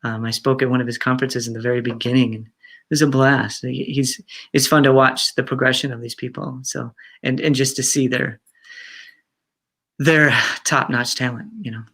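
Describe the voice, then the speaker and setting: A man's voice: mid-range voice, little pitch movement, normal speed, fairly bright tone. A man in his fifties, a guest in an interview, talking in a chatty way with many fillers and restarts and frequent laughter. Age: 50s. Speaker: guest speaker. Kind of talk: casual interview chat.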